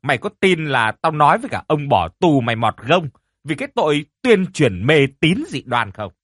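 A man's voice: a little high, sing-song, normal speed, fairly bright tone, no room sound, studio quality, pitched above the performer's own voice. A man voicing a harsh older landowner's wife who screams and scolds her servants. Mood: furious shrieking.

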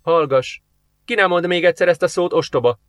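A man's voice: fairly high pitch, expressive, a bit bright, no room sound, voice pushed up. A man voicing a stern, impatient young angel who talks in a curt, commanding way, read for an audiobook. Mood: scolding.

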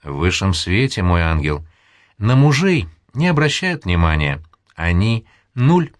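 A man's voice: sits low, sing-song, measured pace, dry recording, studio quality. A man voicing a vain, scheming middle-aged colonel's widow who talks grandly and condescendingly. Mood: condescending, dreamy. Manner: grand, condescending, theatrical sighs.

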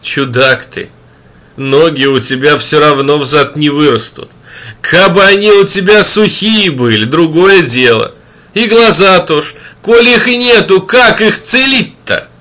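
A man's voice: a little high, a little slow, pushed and bright, voice pushed up. A man voicing an old wandering holy man who speaks in a folksy, sermonising cadence.

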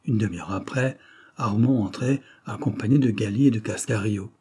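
Husky-voiced man narrating an audiobook. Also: lowish voice, moderate pace, mellow.

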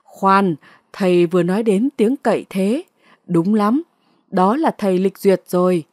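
A woman's voice: medium pitch, measured pace, darkish tone, no room sound, clean studio sound, close to an everyday voice. A woman narrator voicing a smug, condescending male district mandarin.

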